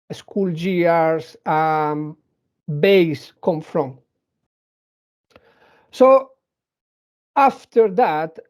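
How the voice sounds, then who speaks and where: This high-pitched, somewhat dark-toned male voice belongs to a robotics engineer addressing school pupils in an educational talk. He's from Venezuela and Colombia, speaks Spanish natively with a Latin American accent, and stumbles through many fillers and restarts.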